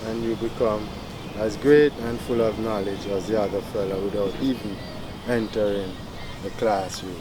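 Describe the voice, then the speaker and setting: A man reading a text aloud in a measured, formal recitation. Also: on the low side, steady tone, noisy background.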